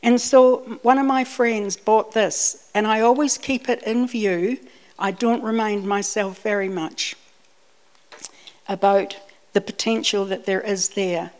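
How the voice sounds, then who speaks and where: Born in Scotland and raised in New Zealand, this woman is new to preaching and gives a personal, anecdote-filled sermon. She talks conversationally, slowly, and with fairly even intonation in a mid-range voice, echoing words as she starts over.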